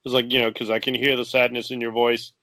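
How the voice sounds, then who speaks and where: A man's voice: mid-range voice, little pitch movement, fast, bright, forceful tone, dry recording. Male podcast co-host, loose rambling chat, dead dry recording. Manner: rambling, lots of fillers, laughs easily. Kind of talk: casual chat.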